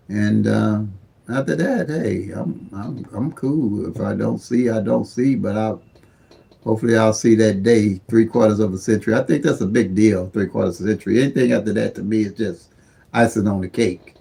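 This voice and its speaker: A man's voice: on the low side, gravelly, dark tone, husky. A man in his seventies, from St. Louis, hosting a casual lottery livestream in a rambling, plain-spoken way that keeps repeating and restarting words. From St. Louis, USA. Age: 70s.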